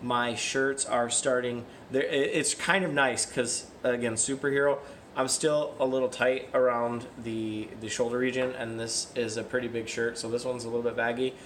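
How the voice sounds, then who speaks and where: A man's voice: medium pitch, steady tone, normal speed, a bit bright, slight background noise. A man giving a casual, earnest motivational vlog talk, often asking himself questions and answering them. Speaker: fitness vlogger.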